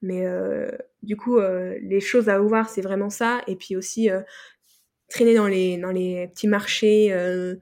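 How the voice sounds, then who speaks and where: A young French woman appears as a podcast guest, speaking in a mid-range, steady, darkish voice at a measured pace. In casual interview chat she recounts a trip loosely and ramblingly, with many fillers and restarts.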